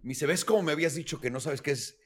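A man's voice: on the high side, fast, background noise. A man with a Mexican accent telling a long personal story on a casual podcast, acting out the voices of the people in it and swearing freely. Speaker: podcast host.

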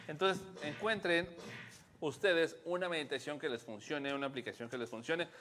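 A man with a Mexican accent talks through a topic on a casual podcast, sitting a little above the usual male pitch. He explains at length and breaks into laughter often, in an easygoing chat style. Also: moderate pace, fairly bright tone. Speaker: podcast co-host.

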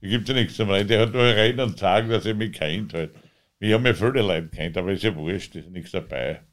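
A man with an Austrian accent, the interviewee, telling his own story in a rambling, halting way with loose dialect grammar. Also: fairly low pitch. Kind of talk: conversational storytelling.

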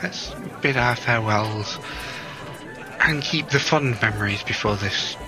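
A man voicing a courteous gentleman character who speaks in a polite, measured way. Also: on the low side, music in the background, rough recording.

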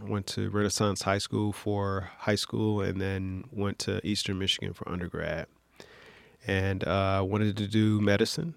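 A man who works as an orthopedic surgeon, from Detroit, explaining things in a measured interview manner with frequent fillers. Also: lowish voice, vocal fry, dry recording. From Detroit, USA. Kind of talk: interview conversation.

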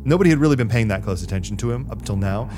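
A man's voice: fairly low pitch, animated, rapid-fire. A man narrating a tabletop game as game master, telling the story in a dramatic way. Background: music.

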